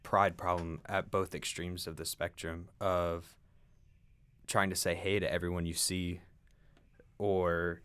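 Low-voiced man sharing measured thoughts. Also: flat delivery, a bit bright, clear, resonant tone. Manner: measured, quotes scripture, trails off in short phrases. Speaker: podcast guest. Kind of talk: casual faith discussion.

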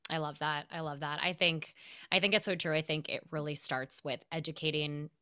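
A woman's voice: low-pitched, fairly even intonation, a little fast, pushed and bright, smooth, no echo, studio quality. A woman in her thirties co-hosting a podcast, talking earnestly in casual chat with lots of likes and you-knows. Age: 30s. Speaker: podcast co-host.

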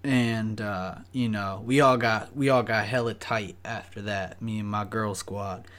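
Slow-talking young man, profane storytelling. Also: on the low side, fairly even intonation, fairly bright tone. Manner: profane, rambling, full of fillers. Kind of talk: casual storytelling.

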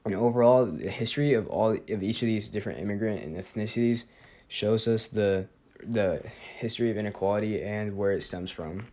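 This low-ish, mellow male voice belongs to a teenage boy who moves briskly through a history topic on his student podcast. It's a casual spoken presentation and interview, loose and rambling, with lots of fillers and self-corrections.

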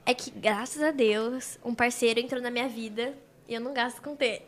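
High-voiced lively young woman singer. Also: a little fast, over a noisy crowd. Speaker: singer guest. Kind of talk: casual chat.

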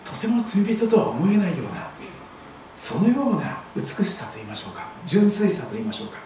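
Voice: medium pitch, very animated, a little fast, a little mellow, a little hiss or hum. A pastor giving a sermon, telling a scripture story vividly. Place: church hall. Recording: very echoey hall, voice far from mic.

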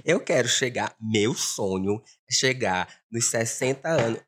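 A man with a hoarse smoker's voice, hosting a casual confessional podcast in a dramatic, joking way. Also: medium pitch, lively intonation, unhurried, fairly bright tone. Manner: dramatic, joking, self-mocking. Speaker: podcast host.

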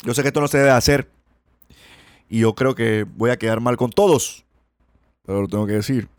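A man's voice: mid-range voice, normal speed, clear, resonant tone, no room sound, clean studio sound. A man with a Colombian accent hosting a podcast, telling casual stories in a rambling, slangy way full of restarts. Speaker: podcast host. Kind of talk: casual storytelling monologue.

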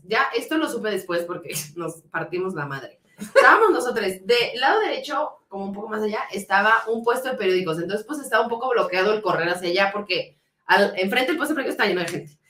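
Mexican woman co-host, fast animated storyteller, slangy, echoey room. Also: medium pitch. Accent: Mexican Spanish. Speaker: podcast co-host. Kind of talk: casual chat.

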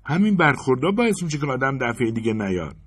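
A fussy, indignant woman customer, as a male narrator puts her on, complaining primly in a thin, pitched-up voice. She sounds huffy and prim in a storybook reading. A husky grain stays in the tone. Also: very animated.

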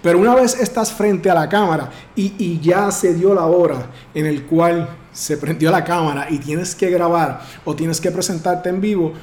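A man coaching on public speaking, projecting his voice firmly with big deliberate swings in pitch. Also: a little mellow. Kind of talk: instructional talk to camera. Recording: roomy echo.

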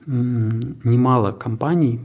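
A man who heads a tech park, answering interview questions in a measured, businesslike way with some restarts. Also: medium pitch, a little mellow.

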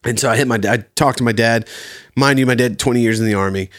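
This Virginia man in his 30s, a podcast guest, keeps things casual and relaxed, cursing freely and laughing a lot. His medium-pitched voice is a bit bright and moves at a quick pace, captured cleanly in a studio with no room sound.

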